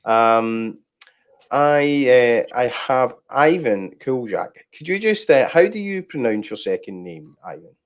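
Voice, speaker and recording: A man's voice: medium pitch, lively intonation, takes it slowly. A man hosting a casual livestream chat, easygoing and full of filler sounds. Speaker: host.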